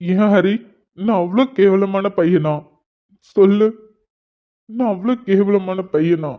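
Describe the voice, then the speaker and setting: In this piece of cartoon drama voice acting, a high-pitched male voice plays a lovesick young man who is crying. He sounds heartbroken, begging tearfully in slow, halting phrases, captured in dull, lo-fi audio.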